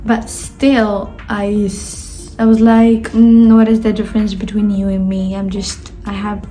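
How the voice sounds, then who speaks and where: Her mid-range voice is mellow, level, and unhurried. The speaker, a nineteen-year-old vlogger from Spain, chats casually in a sit-down Q&A, rambling and leaning on fillers and self-corrections. She's indoors at her sister's home; faint music plays behind her on a low-quality recording.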